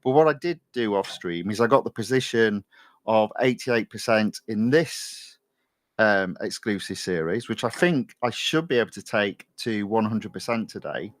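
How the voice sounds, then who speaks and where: A man's voice: fairly low pitch, moderate pace, dry recording. A middle-aged man from England, chatting casually with many ums while live-streaming a racing game. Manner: relaxed, chatty, many ums and uhs, reads chat aloud. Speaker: gaming streamer.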